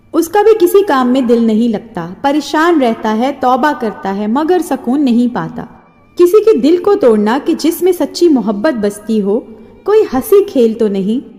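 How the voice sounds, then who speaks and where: Woman with a high voice reading a sad life story, earnest, lots of reverb. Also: mellow. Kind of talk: first-person story narration. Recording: long hall-like reverb.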